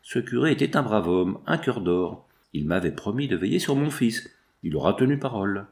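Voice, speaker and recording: Give me a distressed woman prisoner coming back to her senses, asking anguished, pleading questions, as a man reading aloud puts her on. The voice stays low and gravelly throughout. It is an audiobook character. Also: very animated, normal speed, a little mellow. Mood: reflective.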